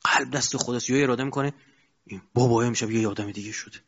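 A man giving a colloquial sermon, asking his audience rhetorical questions and moving between loud and quiet stretches. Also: medium pitch. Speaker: preacher. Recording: dull lo-fi recording.

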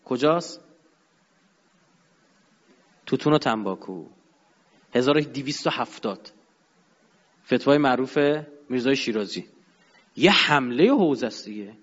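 A man giving an emphatic religious and political lecture to an audience, his voice jumping up and dropping low. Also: lively intonation, long pauses, husky. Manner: emphatic, rising and dropping sharply. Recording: dull sound in a long-reverb hall.

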